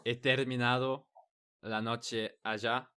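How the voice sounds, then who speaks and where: A man hosting a podcast, chatting in a language he is still learning, pausing often and restarting words as he searches for them. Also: medium pitch, flat delivery, sharp tone, clear, resonant tone. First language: not Spanish. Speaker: podcast host. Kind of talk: casual conversation in a learned language.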